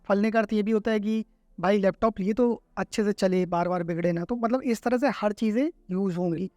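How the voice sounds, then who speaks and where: A man with a high voice hosts a conversational podcast interview. He asks reflective questions, pausing on fillers while he works them out. The recording is dry and close to the mic. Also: darkish tone, no echo. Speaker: podcast host.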